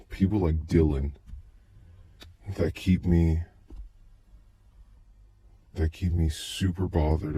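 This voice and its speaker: A man's voice run through a voice changer that drops it extremely deep, leaving it dark and muffled. He speaks in a slow, halting, brooding way and barely moves in pitch, like someone confessing onto a tape. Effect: deep pitch-shifting voice changer. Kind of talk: first-person scripted narration of a recorded tape.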